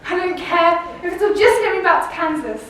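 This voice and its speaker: A woman's voice: very high-pitched, lively intonation, normal speed, a bit bright. A woman playing an earnest, homesick young girl in a stage play, pleading and wide-eyed. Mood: anxious, pleading. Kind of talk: theatrical stage play acting. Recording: very echoey hall, distant mic, faint noise.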